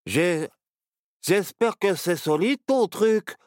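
Storybook: a man playing a stammering, eager boy, raised high and loud, dry. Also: lively intonation, slow pace, no room sound. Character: young boy, nervous but handy.

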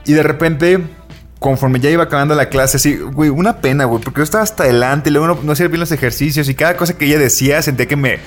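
A man's voice: a little high, rapid-fire, faint music behind. A man with a Mexican accent, co-hosting a podcast, telling a long story casually with slang and restarts. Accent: Mexican Spanish. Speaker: podcast co-host. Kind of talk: casual chat.

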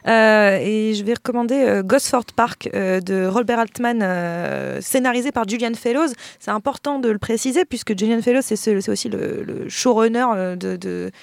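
A woman's voice: fairly high pitch, moderate pace, gravelly, hardly any pauses, no room sound. A woman on a panel recommending a film in casual chat, hesitant with many fillers and restarts.

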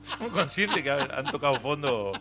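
A middle-aged man with a Uruguayan accent, a radio interview guest chatting casually and telling animated stories with frequent laughter. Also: fairly high pitch, normal speed. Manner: animated storyteller, laughs often.

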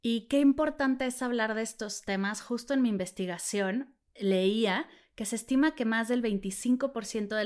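A woman hosting a podcast interview, summarizing and asking questions in a measured way. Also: medium pitch. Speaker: podcast host.

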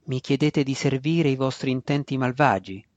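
A man voicing a young male dark elf warrior, defiant and grave, speaking low, slow and with calm menace. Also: no echo, highs cut off, lightly acted. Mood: menacing.

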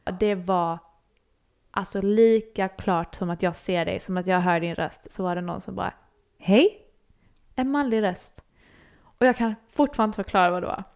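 Young woman, gravelly voice, casual podcast chat, acts out reactions. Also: mid-range voice. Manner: animated storytelling, acts out her own reactions. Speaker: podcast co-host.

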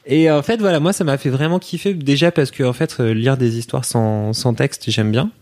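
A man's voice: mid-range voice, moderate pace, a little mellow. A man co-hosting a podcast in casual chat, rambling with lots of fillers and restarts. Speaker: podcast co-host.

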